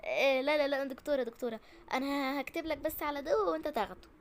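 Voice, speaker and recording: A woman's voice: high voice, very fast, a little hiss or hum. A woman with an Egyptian accent voicing a flustered young female doctor in a game role-play, mock-serious and playful.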